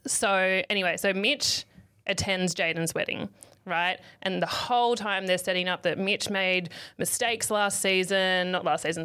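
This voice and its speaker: Animated woman, podcast co-host. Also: on the low side, smooth. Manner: animated, swears freely, rambling storyteller. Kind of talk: casual chat.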